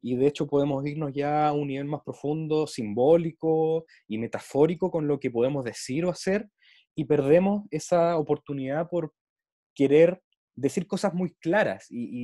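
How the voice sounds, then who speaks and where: A man's voice: fairly high pitch, dark tone, dry recording, studio quality. A man in reflective casual conversation, speaking earnestly and at length, often doubling small linking words as he builds his thought.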